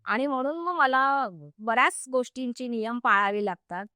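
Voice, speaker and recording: Woman, spiritual teacher, vivid podcast storyteller; high, bright voice, dry close sound. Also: expressive, normal speed, clear, resonant tone, dry recording. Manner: vivid, acts out quoted speech.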